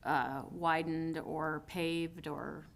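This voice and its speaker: Slow-talking council member, halting. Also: male voice, on the high side, level tone, vocal fry, fairly bright tone. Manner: halting, with filler words. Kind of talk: council meeting discussion.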